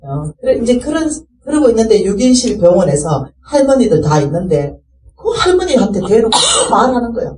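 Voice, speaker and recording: Lively woman giving testimony. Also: fairly high pitch, fairly quick, echoey room, far from the mic, poor audio. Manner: animated, acts out the people in her story; impassioned, rising to fervent pleading. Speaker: speaker giving a church testimony. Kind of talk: sermon testimony storytelling.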